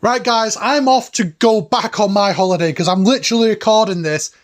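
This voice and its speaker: Here the retro gaming countdown host, a man of about forty in his cabin indoors, speaks fairly quickly in a high-sitting voice. He delivers nostalgic, informal commentary with enthusiasm and emphasis.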